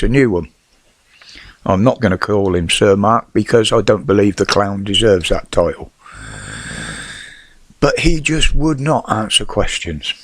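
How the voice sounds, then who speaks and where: Middle-aged British male, lowish voice, whistling sibilants, dry sound, blunt and sweary off-the-cuff commentator. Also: no echo. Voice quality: whistling s from false teeth. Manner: blunt, sweary, rhetorical questions. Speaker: vlogger giving news opinions. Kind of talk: casual opinionated news commentary.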